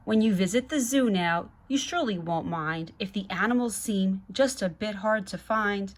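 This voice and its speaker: Here a guest storybook reader, a woman of medium pitch speaking at normal speed, reads a children's picture book aloud. Along the way she speaks right to her young listeners with little asides.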